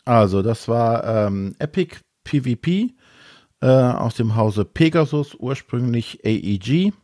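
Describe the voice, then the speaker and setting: A man co-hosting a board game podcast, giving a hesitant, measured critique in casual chat. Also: mid-range voice, lively intonation, a little mellow, no room sound, studio quality.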